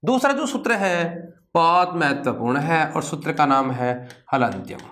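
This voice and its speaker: A man's voice: a little high, sing-song, moderate pace, fairly bright tone. A man teaching a grammar lesson who keeps asking questions and answering them himself, repeating key terms with emphasis. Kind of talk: classroom lecture.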